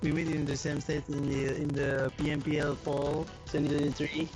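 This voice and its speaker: A man's voice: on the high side, little pitch movement, normal speed, over music, low-quality recording. A man from Indonesia with an Indonesian accent, a pro mobile-game player in a recorded team interview. He teases his partner and keeps breaking into giggles. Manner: joking, giggly, teasing.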